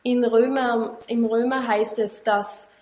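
A woman interpreting a sermon line by line, quick and plain with small restarts. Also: on the high side, steady tone, darkish tone, reverberant, low-quality recording. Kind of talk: live sermon interpretation into German. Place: hall without audience.

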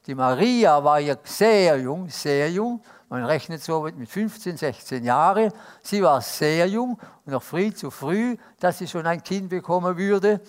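Man preaching in a reflective sermon. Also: on the high side. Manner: reflective, with pauses and fillers.

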